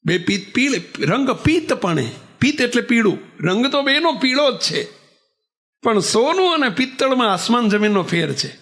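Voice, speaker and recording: A man's voice: extremely high pitch, normal speed. A man, a monk preaching a sermon, telling stories and asking the audience rhetorical questions. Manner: lively storytelling with rhetorical questions.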